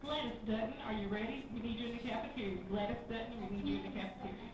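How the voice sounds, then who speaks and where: A woman's soft public address announcement drifts in from a distant loudspeaker, fairly high-pitched and heavily echoing. She pages people in a calm, even tone and repeats each call, with a hiss of background noise around her. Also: very fast. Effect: soft public address announcement over a loudspeaker. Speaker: staff announcer paging people.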